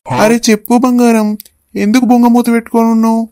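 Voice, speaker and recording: A woman voicing a doting, quick-tempered young husband in a cartoon, coaxing. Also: on the high side, flat delivery, mellow, dry recording, studio quality, lightly acted. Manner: coaxing, calls his wife endearments.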